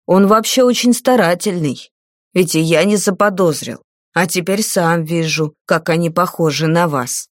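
A woman's voice: fairly low pitch, no echo, studio quality. A woman voicing a kindly older huntsman. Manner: hesitant, gently apologetic.

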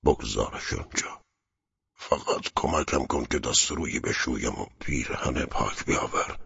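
A man voicing a weary, dying middle-aged judge, talking in a husky, pained, half-whispered mutter. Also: a bass voice, bright, forceful tone, dry recording, full character voice. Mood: weak. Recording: dull lo-fi recording.

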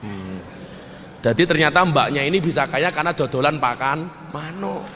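A man's voice: a little high, moderate pace. A man with a Javanese accent preaching humorously, telling anecdotes and acting out the dialogue in his stories. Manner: lively storyteller acting out dialogue in quoted voices. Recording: long hall reverb, faint background noise.

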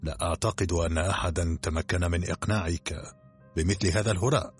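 A man's voice: sits low, fairly even intonation, a little fast, slightly rough, faint music behind. A man voicing a scornful young expedition member who mocks superstition. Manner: scoffing, mocking.

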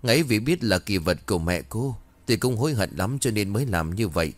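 A man's voice: fairly low pitch, lively intonation, fairly quick, no echo, natural voice. A man voicing a frightened young wife who scolds and pleads shrilly. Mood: pleading.

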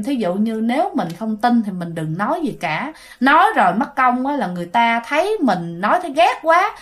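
A woman narrates ghost stories in a casual, chatty way. Her voice sits a bit high, and she keeps addressing her listeners directly. The delivery is expressive.

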